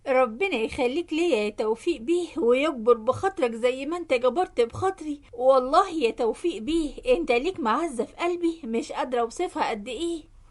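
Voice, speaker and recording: A woman's voice: sits high, lively intonation, a little fast. Woman doing a scheming, flirty Egyptian secretary. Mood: sweet coaxing. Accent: Egyptian Arabic.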